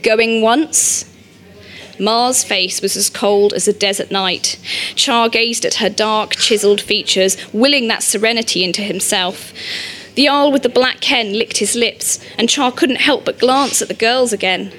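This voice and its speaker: A woman reading an audiobook, narrating in a measured, steady storytelling manner. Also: mid-range voice.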